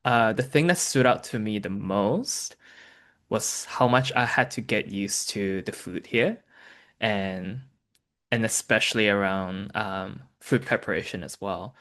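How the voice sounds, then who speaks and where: Low-voiced man from Malaysia, relaxed. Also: a little slow. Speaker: therapist sharing his experience. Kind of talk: candid interview answers.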